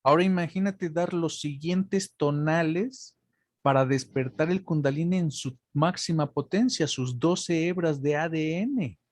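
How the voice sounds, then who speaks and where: After class, a male teacher with a fairly high voice talks casually at a slightly slow pace, addressing his listeners as brother and sister. As he explains, he grows emphatic and rises into animated explanation.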